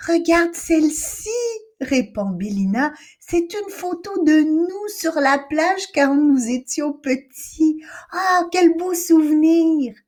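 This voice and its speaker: A woman voicing a bold, impatient young girl in a storybook reading, speaking brightly and playfully. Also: high-pitched, slow pace, voice pushed up. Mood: delighted. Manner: bright, lively, teasing.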